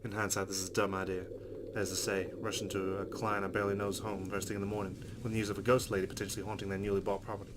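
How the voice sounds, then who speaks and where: In rapid-fire delivery with few pauses, a man with a lowish voice reads game text from a visual novel aloud, throwing in his own casual reactions as a let's play host. Steady, loud background noise fills the recording.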